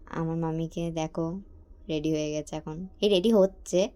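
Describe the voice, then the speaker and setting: A woman's voice: low voice, fairly even intonation, moderate pace, warm tone, clear, resonant tone. A young woman, chatting casually to her viewers in a family vlog. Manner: chatty, talks straight to viewers. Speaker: vlogger.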